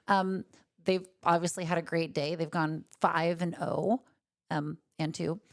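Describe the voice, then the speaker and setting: A woman commentates a card game tournament with a lower voice than most. She talks casually, with plenty of fillers and jokes. She is recorded in an empty gaming room. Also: steady tone, unhurried. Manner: chatty, filler-heavy, jokey.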